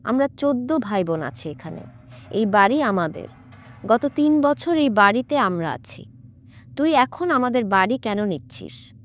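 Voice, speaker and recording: A woman voicing a furious male jinn, low and menacing. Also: sing-song, a little slow. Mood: pleading. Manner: shouting, threatening, then tearful pleading. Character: angry male jinn possessing a young man. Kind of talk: audiobook character voice.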